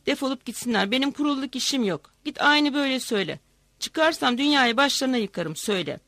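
A woman's voice: high-pitched, animated, fairly quick, no room sound, full character voice. A woman voicing a fierce old village woman. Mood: furious. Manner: shouting, defiant, lamenting.

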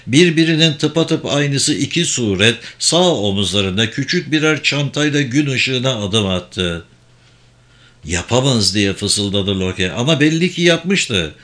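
A man narrating a fantasy audiobook in a measured, even storytelling delivery. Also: fairly low pitch.

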